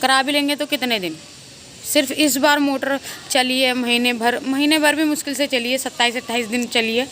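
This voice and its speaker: Gloating woman vlogger, fairly high voice. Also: steady tone, normal speed, fairly bright tone, a little hiss or hum. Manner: gloating, laughing often, talks to viewers directly. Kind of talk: casual vlog monologue. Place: outdoors, open weather around.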